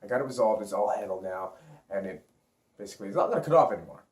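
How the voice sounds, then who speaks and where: A man's voice: fairly low pitch, lively intonation, very fast, a little mellow. A man who works as a self-awareness coach, talking in a rambling, profane, hyped-up motivational vlog. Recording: roomy echo.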